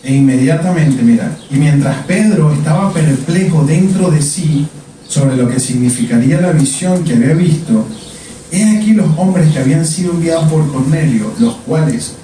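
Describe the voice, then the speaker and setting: A man's voice: a little high, normal speed, warm tone, a little hiss or hum. A male preacher delivering a sermon in a church. He speaks emphatically, repeating words and asking the congregation questions. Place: church sanctuary. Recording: echoey church from a distance.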